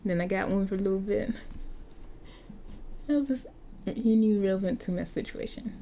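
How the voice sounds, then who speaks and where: A woman's voice: mid-range voice, normal speed, warm tone, slight background noise. A woman with a Southern US accent reading an interactive story aloud, stumbling over words and chatting in asides. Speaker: story reader.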